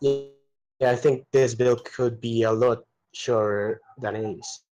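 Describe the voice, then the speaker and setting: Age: adult. Sex: man. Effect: breaking-up group voice chat. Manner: slow, halting. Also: mid-range voice, steady tone, muffled recording. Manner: hesitant, filler-heavy, halting. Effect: voice over choppy online group voice chat. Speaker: debate participant. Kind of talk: online community policy debate.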